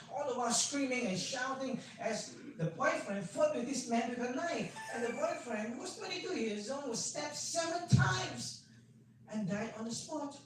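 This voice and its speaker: Echoey far-off man telling a story. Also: very high-pitched. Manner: animated, acts out voices, drops quiet for key points. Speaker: doctor. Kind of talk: storytelling talk. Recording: echoey, distant, faint hum.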